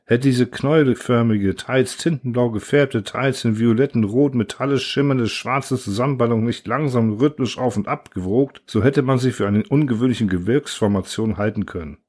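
A man reading a science fiction story aloud in steady scripted narration. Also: medium pitch, moderate pace, hardly any pauses. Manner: steady, even audiobook reading.

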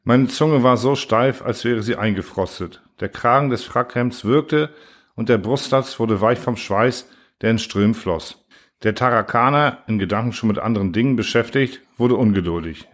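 Man narrating an audiobook steadily. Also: fairly low pitch. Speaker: audiobook reader. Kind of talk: first-person audiobook narration.

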